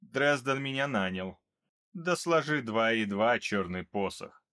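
A man reading an audiobook, voicing a cold, calm male mercenary who speaks in a flat, unhurried way. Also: medium pitch. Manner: flat, even, unhurried delivery.

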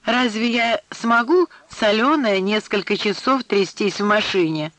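A man's voice: sits high, unhurried, pushed and bright, no echo, voice pushed up, rough recording. A male narrator voicing a capricious, sulky teenage daughter in an audiobook, whiny and tearful.

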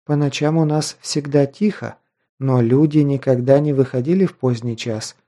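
A man reading an audiobook, voicing a proud but sheltered young noble girl in a raised, softened voice. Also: mid-range voice, moderate pace, lightly acted.

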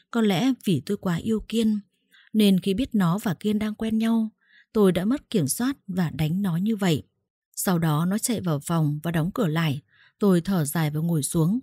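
A woman reading a first-person story aloud in a steady storytelling voice and voicing its dialogue. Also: medium pitch, slightly rough, no room sound, clean studio sound. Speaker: narrator.

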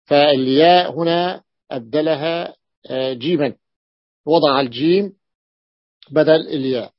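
A man lectures on grammar with a gravelly, fairly high voice. He explains slowly, repeats words, and pauses on long drawn-out hesitations. The recording is dry and dull, with a lo-fi sound. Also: dry recording. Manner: slow and explanatory, repeating words and stretching them out. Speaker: teacher of Arabic morphology.

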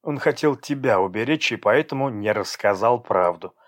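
A man's voice: fairly low pitch, lively intonation, normal speed, fairly bright tone. A man reading an audiobook, voicing a stern, domineering man who speaks in curt commands. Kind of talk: audiobook character voice.

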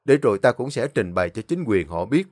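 A man voicing a gruff, bossy older uncle with a Southern Vietnamese accent. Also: medium pitch, sing-song, brisk, a little mellow, no echo, studio quality. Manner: blunt, bossy.

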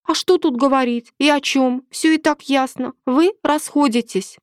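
A woman's voice: high voice, moderate pace, no echo, studio quality, voice pushed up, lightly acted. A woman reading aloud, voicing a pushy, scheming young woman of thirty who talks in an insistent, demanding way. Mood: indignant.

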